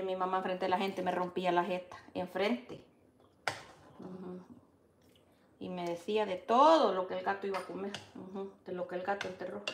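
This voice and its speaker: A woman's voice: on the low side, slight background noise. A Salvadoran woman hosting a casual cooking show. She chats and teases, and calls out her food like a street vendor. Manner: chatty, teasing, calls out dishes like a street vendor. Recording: echoey kitchen with clattering dishes.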